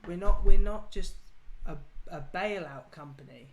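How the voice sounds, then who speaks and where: A political talk show host from England argues his opinions in a casual debate, ranting emphatically in a high-sitting voice at a measured pace. The room is echoey with faint background noise.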